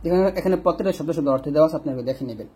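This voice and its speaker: A man teaching Quran recitation step by step, spelling out each letter and vowel, then reciting the words slowly and drawn-out. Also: a little high, dark tone, husky. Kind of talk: slow step-by-step recitation lesson.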